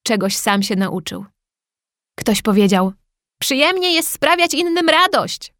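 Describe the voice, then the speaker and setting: A woman narrating a children's story in a calm, measured and gently expressive way. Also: medium pitch, no room sound, studio quality.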